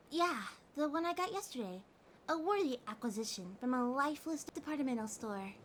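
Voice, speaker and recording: A woman voices a needy, haughty but affectionate young cat girl in a high, slow, pouty voice, teasing and drowsy as she speaks softly to a partner. It's an ASMR roleplay with soft, intimate acting. Steady rain ambience and slight background noise sit behind her voice.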